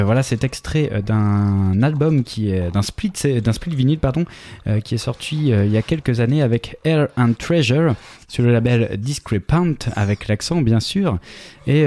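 A man's voice: medium pitch, warm tone. A man hosting a music radio show, talking casually with many hesitations and self-corrections.

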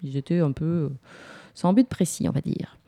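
A woman in her thirties giving parenting advice in a relaxed, hesitant way with many pauses. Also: deep voice. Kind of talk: casual advice talk.

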